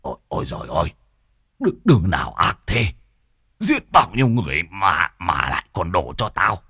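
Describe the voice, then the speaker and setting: A man's voice: low-pitched, wildly swooping pitch, normal speed, sharp tone, slightly rough, no room sound, studio quality, exaggerated voice. Man doing a stammering, whimpering old villager. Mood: despairing.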